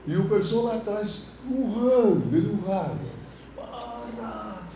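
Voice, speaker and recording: A man's voice: sits high, moderate pace, echoey room, a little hiss or hum, low-quality recording. A man with a Brazilian Portuguese accent, a film director teaching a course, telling anecdotes in a colloquial, slangy way. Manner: animated, colloquial storytelling, frequent slang. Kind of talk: lecture with anecdotes. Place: university classroom.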